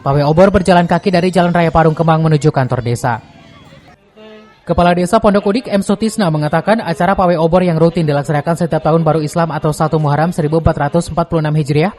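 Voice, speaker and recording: Fast-talking male news reporter. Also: on the high side, a little mellow. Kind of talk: scripted news report narration.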